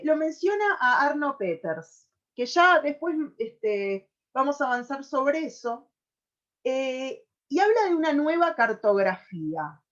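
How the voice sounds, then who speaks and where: An Argentine woman presenting on a radio program, explaining at length and pausing often on fillers as she gathers her thoughts. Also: sits high, lo-fi sound. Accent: Argentine Spanish. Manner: thoughtful, with many hesitations and restarts.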